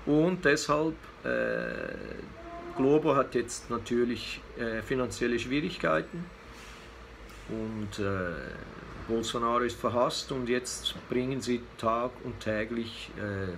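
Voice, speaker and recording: Hesitant and hunting for words, a vlogger in his fifties gives his weekly unscripted political take to camera. His mid-range voice is fairly bright and expressive, the pace slow, and the recording clearly picks up background noise and room ambience.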